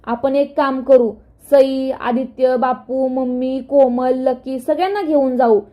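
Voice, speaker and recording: A woman's voice: high voice, fairly even intonation, slow pace. A woman reading the lines of an affectionate young husband, playful and teasing. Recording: dull lo-fi recording.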